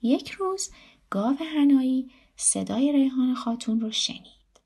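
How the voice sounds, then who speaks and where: Gravelly, husky woman telling a children's tale. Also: high-pitched, sing-song, mellow. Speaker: storyteller. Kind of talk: scripted narration of a children's story.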